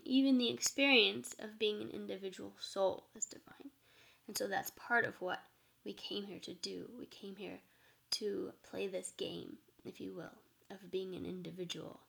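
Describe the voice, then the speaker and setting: A woman's voice: mid-range voice, gravelly, sharp tone. A woman giving informal meditation instruction as a teacher, speaking in a reflective, conversational way.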